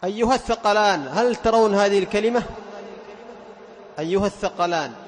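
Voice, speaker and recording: High-voiced man teaching recitation rules. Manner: stretches out example words slowly to demonstrate sounds; quizzes students with questions and praises answers. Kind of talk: classroom lesson on recitation rules.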